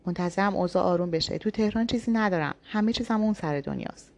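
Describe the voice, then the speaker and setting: A woman's voice: mid-range voice, lightly acted. A woman voicing a hot-tempered young man. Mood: plaintive. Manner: harsh, shouting, then soft and pleading. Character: brooding volatile young man, the lover. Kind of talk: audiobook reading.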